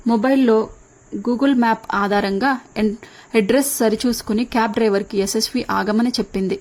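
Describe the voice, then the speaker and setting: A woman reads a novel aloud in steady, measured storytelling. Her voice sits a little higher than most. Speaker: audiobook narrator. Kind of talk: scripted narration of a novel.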